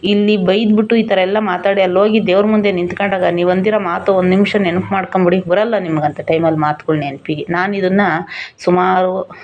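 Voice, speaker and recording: Middle-aged woman vlogger, rural Kannada accent, lowish voice, impassioned and pleading. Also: steady tone, fairly quick, dull audio, slight background noise. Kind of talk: emotional opinion monologue.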